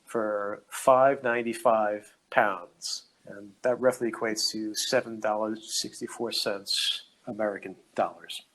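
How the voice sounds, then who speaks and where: A man's voice: fairly low pitch, a little slow, hardly any pauses, rough recording. Matter-of-fact male podcast co-host. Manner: reads news items aloud in a steady, matter-of-fact way. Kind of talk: casual podcast chat.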